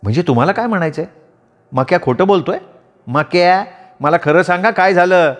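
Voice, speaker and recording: A man voicing a sharp-tongued young wife who scolds her husband. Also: high-pitched, animated, fairly quick, long reverb tail, pitched above the performer's own voice. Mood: demanding. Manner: scolding, exasperated.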